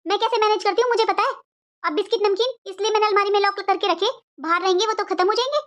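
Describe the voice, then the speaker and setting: Woman playing a bossy, taunting sister-in-law, shrill and very high voice. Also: fairly even intonation, fast, a bit bright. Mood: defensive. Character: sharp-tongued scheming sister-in-law. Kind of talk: family drama acting.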